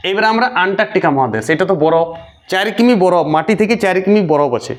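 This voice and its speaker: A man teaching a geography lesson for exam prep, repeating key names slowly and quizzing his viewers. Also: high voice, lively intonation.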